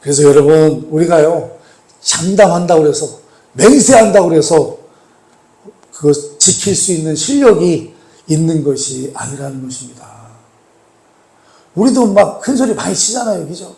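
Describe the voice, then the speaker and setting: Warm-voiced pastor in an echoey church. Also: male voice, on the high side, animated, moderate pace, pauses often. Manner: asks the congregation rhetorical questions; emphatic, swells louder on key points. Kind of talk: sermon. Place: church sanctuary.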